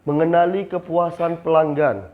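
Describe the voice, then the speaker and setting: A man's voice: fairly high pitch, normal speed. A young man training new retail staff in a classroom, asking the class questions and answering them himself. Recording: slightly dull lo-fi sound.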